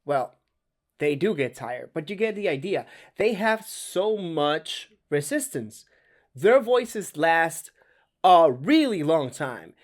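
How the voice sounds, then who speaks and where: Talking to camera in a slow, sing-song voice pitched on the high side, a Spanish-accented man teaches diction informally in conversational English. Spanish is his native language, and he draws out words for emphasis with occasional stumbles.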